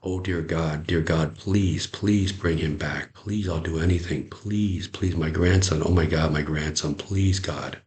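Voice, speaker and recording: A man's voice: low voice, fairly even intonation, measured pace, few pauses, a little mellow. A man voicing a frantic grandmother pleading with God in a story, repeating her prayers.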